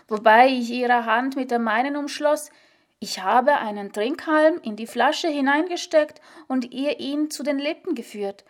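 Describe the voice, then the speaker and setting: A woman reading a literary story aloud in a measured, deliberate way. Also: high-pitched.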